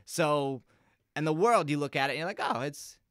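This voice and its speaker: A young man with a bright, ringing voice talks casually into a close podcast mic and tells stories about his gigs. His tone is smooth and clear. He slips into little quoted voices of the people he describes, and the sound is dry with no room around it. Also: on the high side, moderate pace, dry recording. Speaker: musician guest. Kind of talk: casual interview storytelling. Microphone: close podcast microphone.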